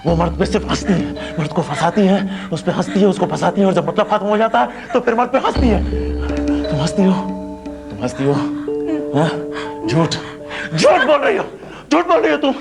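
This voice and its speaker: An actor playing a menacing male serial killer who taunts and mocks his victim, repeating himself and swinging between whispers and shouts. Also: sits high, expressive, fairly quick, gravelly, over loud music. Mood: mocking. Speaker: villain in a TV crime drama.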